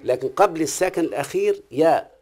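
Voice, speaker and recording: Teaching recitation and grammar one-on-one, an Egyptian Arabic–accented man talks fast and animatedly in a fairly high, slightly mellow voice. He keeps checking in, often stopping to ask if his student is following along.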